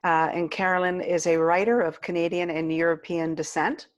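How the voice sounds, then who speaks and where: A woman's voice: lowish voice, little pitch movement, moderate pace. A woman hosting an interview, introducing her guest with effusive, gushing praise. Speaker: interview host.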